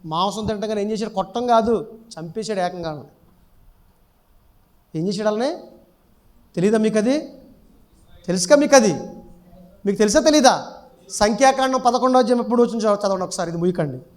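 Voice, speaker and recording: A man's voice: high-pitched, brisk, pauses often. A male pastor preaching a sermon, questioning the congregation and reading scripture aloud.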